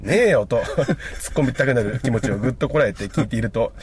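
A man's voice: mid-range voice, fast, a little hiss or hum. A man co-hosting a radio show, chatting casually and reading listener letters aloud with frequent chuckles. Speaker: radio co-host.

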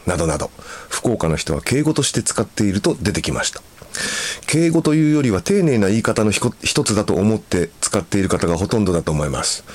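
A man hosting a radio show. He reads listener mail and chats in an easygoing way, with soft fillers and pauses. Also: low voice. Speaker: radio host.

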